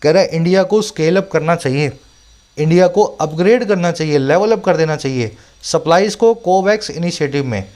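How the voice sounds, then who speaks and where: A man working as an English tutor, explaining vocabulary and grammar to exam students in Hindi mixed with English terms. He reads English text out slowly and keeps checking whether the students follow him. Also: fairly high pitch, darkish tone. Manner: asks frequent rhetorical check-ins.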